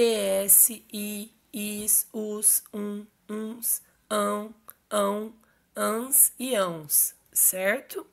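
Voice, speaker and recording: Female teacher voice for a recorded lesson, measured and explanatory, keeps checking that students follow. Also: medium pitch, vocal fry. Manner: explanatory, checks in with frequent "ok?" and "certo?". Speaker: Portuguese teacher. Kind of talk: recorded online grammar lesson.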